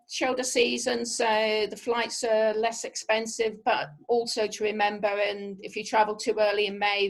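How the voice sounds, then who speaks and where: A middle-aged woman with a Norfolk English accent presents as a travel specialist in a webinar. Her voice sits at an ordinary middle pitch for a woman. She talks informally through slides, chatty and full of little asides to the people listening. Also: poor audio.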